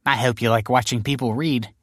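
A man's voice: medium pitch, steady tone, a little fast, no room sound, studio quality, voice pushed up, lightly acted. A male audiobook narrator voicing a breezy, mocking female police detective who needles people with sarcastic politeness. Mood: playful. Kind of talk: audiobook character voice.

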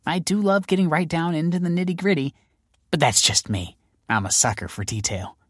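A man's voice: on the high side, a little fast, a bit bright, dry recording, studio quality, voice pushed up. A male audiobook narrator voicing a breezy, mocking female police detective who needles people with sarcastic politeness. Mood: teasing. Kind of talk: audiobook character voice.

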